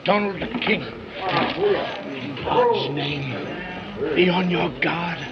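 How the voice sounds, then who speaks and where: An actor playing a blinded British spy, urgent and desperate, in stagey, halting declamation, heard through crackly early talkie film sound. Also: male voice, high voice, exaggerated voice. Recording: hissy, muffled 1929 film soundtrack.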